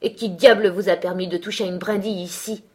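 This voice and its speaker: A woman's voice: fairly low pitch, moderate pace, a little mellow, lightly acted. A woman reading an audiobook, voicing a domineering middle-aged man who barks harsh threats and commands. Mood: furious.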